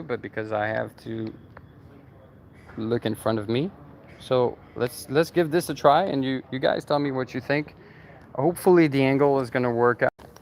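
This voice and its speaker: A man talks loosely to his livestream chat while out riding through city streets at night. His pitch sits in a middle range, and he trails off and restarts often. Traffic and street noise come through clearly behind him. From Canada. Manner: rambling, answers chat, many fillers. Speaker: vlogger livestreaming.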